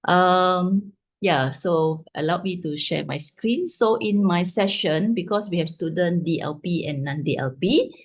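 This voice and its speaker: An older Malaysian-accented woman, 50s or above, gives an informal online chemistry revision class over video call with screen share. Her voice is lowish and measured, she switches between English and Malay, and she checks in with tags like "right", "ya", and "lah".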